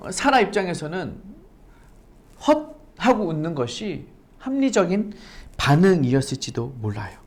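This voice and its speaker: A woman pastor preaching a sermon in a conversational way, full of rhetorical questions and emphatic repetition. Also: sits low.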